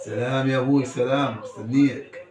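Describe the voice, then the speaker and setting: Fast-talking dad. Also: male voice, medium pitch, fairly even intonation, a little mellow, echoey room, poor audio. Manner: playful scolding, laughs often. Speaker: father. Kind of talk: casual family chat, teasing his small son.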